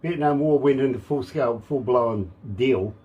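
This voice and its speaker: A man's voice: mid-range voice, normal speed, dull audio. An older man from New Zealand with a Kiwi accent, hosting a casual radio interview and joking with many restarts. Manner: jokey, chuckling, rambling with restarts. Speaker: radio DJ and host.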